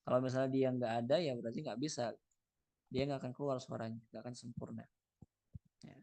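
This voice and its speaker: Brief: male teacher, mid-pitched, reads Arabic then explains it loosely with fillers; dry close sound. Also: steady tone, fairly quick, mellow, no echo. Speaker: Quran recitation teacher. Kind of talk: explaining a text line by line.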